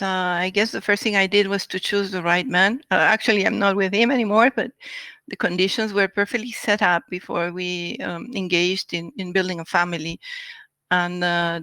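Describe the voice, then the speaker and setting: A woman's voice: lowish voice, fairly bright tone, no echo. A middle-aged woman from Venezuela, a scientist answering interview questions thoughtfully, with frequent fillers and restarts. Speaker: scientist and research group leader.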